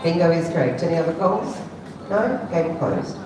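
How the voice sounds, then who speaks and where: A woman's voice: on the low side, lively intonation, normal speed. A woman working as a bingo caller, calling numbers in a formulaic way, digit by digit and then whole. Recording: echoey hall from far off, faint noise.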